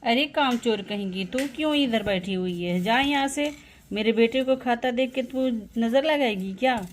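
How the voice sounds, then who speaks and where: A woman's voice: a little high, normal speed, slight background noise, natural voice. A woman doing a harsh scolding village mother. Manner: shouting, insulting, nagging.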